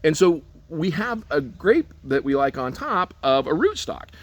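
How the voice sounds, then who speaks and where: A winemaker with a fairly high voice rants casually to the camera at a measured pace, very animated throughout. He fires off sarcastic rhetorical questions and folksy asides, swears mildly and laughs at his own jokes.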